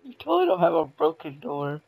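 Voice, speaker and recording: A young man playing a survival game with a friend, excitable and swearing, laughing often. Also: fairly high pitch, brisk, creaky, dry recording, rough recording. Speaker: gamer. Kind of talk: casual gaming commentary.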